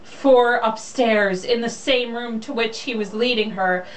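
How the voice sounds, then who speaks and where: Speaking a little slowly in a fairly high voice, a woman co-host reads a romance novel aloud. She's casual, blunt and sarcastic, mocking the material and swearing freely. The recording has a distant mic and faint background noise.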